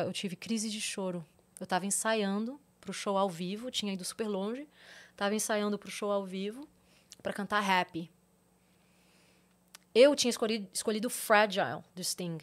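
A middle-aged Brazilian woman with a Brazilian Portuguese accent, a podcast guest telling a story in lively fashion and quoting others in changing voices. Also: medium pitch. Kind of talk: casual podcast interview.

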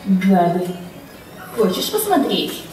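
A woman playing a small, sardonic, excitable forgotten anime character in a parody skit. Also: medium pitch, takes it slowly. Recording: echoey hall, far off, music.

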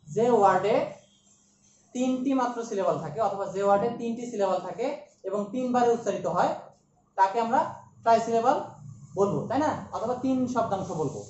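A woman's voice: a little high, fairly quick, long pauses, darkish tone, distant mic. A woman teacher lectures a class, going over each point twice and checking in with tag questions. She sounds set back from the mic, in a roomy, reverberant space. The recording is dull and lo-fi, with a faint hiss underneath. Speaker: English grammar teacher.

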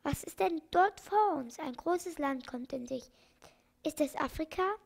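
A woman's voice: sits high, lively intonation, unhurried, vocal fry, full character voice. A woman reading an audiobook, voicing a flustered, kindly old male doctor with agitated exclamations. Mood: curious.

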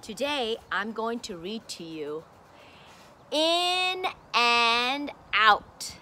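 On a brick-walled outdoor patio, a woman in her forties reads a picture book slowly to a child, her voice a little high, animated, pushed and bright. As a teacher, she keeps things simple and encouraging. A phone at arm's length records her.

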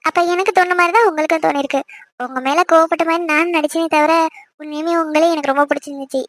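Speaking fast in a high, steady, slightly bright voice with no room sound, a woman performs a cartoon role. Her character is a bashful young bride, coy and loving, who protests sweetly.

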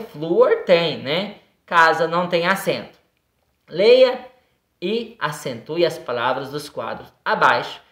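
A woman's voice: low voice, a bit bright, reverberant. A Brazilian woman teacher going through a grammar lesson, patiently asking and answering her own questions and tagging lines with "né?" and "ok?". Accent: Brazilian Portuguese. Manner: often tags lines with "né?" and "ok?". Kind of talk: recorded grade-school grammar lesson.

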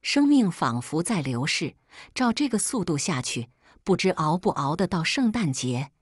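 Low husky woman reading a sad story. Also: sing-song, dry recording, clean studio sound. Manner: sorrowful, measured reading. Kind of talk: first-person story narration.

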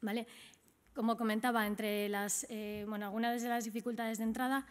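A middle-aged woman with a Spanish accent, a trade office director, gives a business presentation from a lectern on an indoor conference stage. Her slightly high voice is smooth and level, moving at a moderate pace, and she keeps things conversational, often checking in with short tag questions.

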